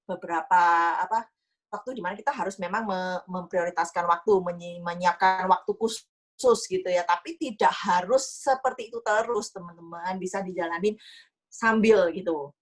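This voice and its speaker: A woman's voice: lowish voice, moderate pace. A young woman, an insurance agent, chatting casually and motivationally to colleagues, mixing in English words and laughing often. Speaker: insurance agent sharing her experience.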